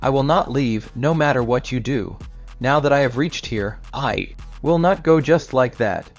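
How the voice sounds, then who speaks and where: A man voicing a pious old man who stays calm and firm in his faith, read storybook-style. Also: mid-range voice, unhurried. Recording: slightly dull recording with soft music.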